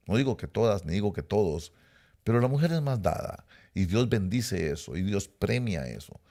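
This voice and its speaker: A man's voice: on the low side, big pitch swings, normal speed, dark tone. A middle-aged man preaching a sermon, emphatic and repetitive, speaking straight to his listeners. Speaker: pastor.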